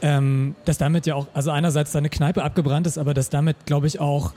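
Young man, fast talker, hedging fillers, slightly high voice. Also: flat delivery, dark tone. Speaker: podcast guest. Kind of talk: casual panel discussion.

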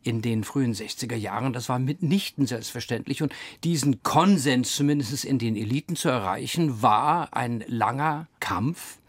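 An older man from England, a panel guest in a radio discussion, speaking in a measured, searching way with restarts. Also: medium pitch, dry recording.

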